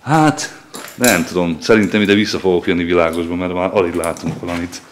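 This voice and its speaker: A middle-aged man with a low voice talks his way through an abandoned building, curious and chatty, exclaiming at what he finds. A faint hiss of background noise sits under the recording. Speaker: father exploring with his kids. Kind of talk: casual exploring vlog.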